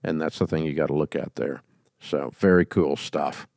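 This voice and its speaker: A man's voice: extremely low pitch, normal speed, vocal fry, dry recording. Emphatic folksy middle-aged man, dry studio. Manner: emphatic and folksy, leaps to loud acted quotes. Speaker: host giving leadership advice. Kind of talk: call-in advice talk.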